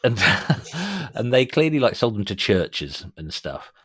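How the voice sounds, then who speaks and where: A man's voice: mid-range voice, big pitch swings, slow, fairly bright tone, breathy edge, no echo, studio quality. A middle-aged man, chatting casually and telling anecdotes as a music show host. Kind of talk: casual chat.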